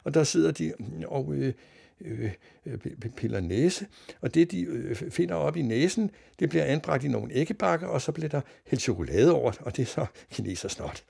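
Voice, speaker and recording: A man's voice: fairly high pitch, animated, vocal fry, dark tone, slightly rough, voice pushed up, exaggerated voice. A man voicing a flustered male TV newsreader in a read-aloud children's story, hesitant and stammering with many fillers.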